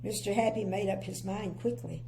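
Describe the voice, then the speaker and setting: Here a grandmother reads a children's story at a moderate pace, her medium-pitched voice keeping a fairly even intonation. The rough recording carries slight background noise, and she adds chatty, mildly opinionated commentary as she goes.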